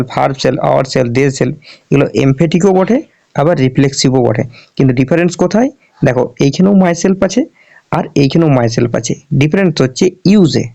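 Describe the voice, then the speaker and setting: A man teaching English grammar in a lesson, asking questions and answering them himself, and reading example sentences out slowly. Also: fairly high pitch, creaky, mellow. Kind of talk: explanatory classroom lesson. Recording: dull lo-fi recording.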